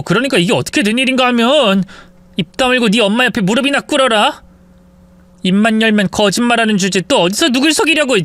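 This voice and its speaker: A woman's voice: fairly high pitch, a bit bright, no echo. A woman telling a dramatic revenge story in the first person, cold and biting in the confrontations.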